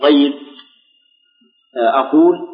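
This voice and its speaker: Older man teaching grammar in echoey hall. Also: fairly high pitch. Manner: quizzing, repeats examples slowly. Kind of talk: classroom lesson with questions to students. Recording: echoey hall, dull lo-fi recording.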